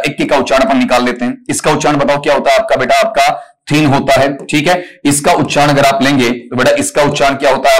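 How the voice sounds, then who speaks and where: A male teacher gives a step-by-step exam-prep lesson. His voice sits fairly high for a man. He keeps posing questions to his class and then answering them himself. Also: a bit bright, low-quality recording. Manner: explains step by step, asks and answers own questions, calls students "beta". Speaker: English teacher.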